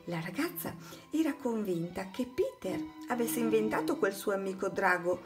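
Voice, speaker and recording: A woman's voice: medium pitch, expressive, moderate pace, over music. A woman narrating a children's storybook, reading aloud expressively and dramatically.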